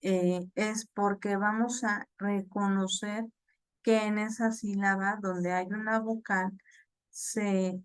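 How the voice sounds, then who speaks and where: A woman teaching an online class, explaining slowly with fillers and repeats and checking in with "ok?". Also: mid-range voice, clean tone, no echo. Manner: slow, halting explanation with many fillers and repeats; checks understanding with "ok?".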